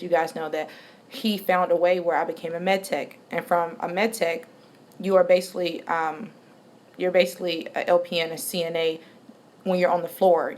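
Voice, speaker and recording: A woman in her twenties giving a casual vlog update, chatty and rambling, with many ums and restarts. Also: lowish voice. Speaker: vlogger.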